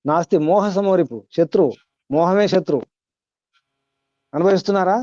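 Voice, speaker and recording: A man's voice: high voice, moderate pace, mellow, no echo, lo-fi sound. A man giving a spiritual discourse to a class, repeating points, chanting Sanskrit verses and quizzing his listeners. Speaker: spiritual teacher.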